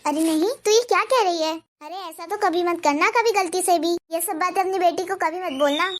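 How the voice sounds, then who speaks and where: A woman voicing a calm, wise, firm older mother-in-law in a cartoon, speaking in a steady, advising tone. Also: very high voice, fairly quick. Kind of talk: cartoon dubbing.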